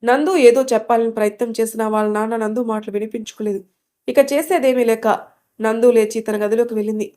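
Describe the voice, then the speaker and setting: Mellow-voiced woman storyteller. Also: fairly high pitch, fairly even intonation, a little fast. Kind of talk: scripted narration.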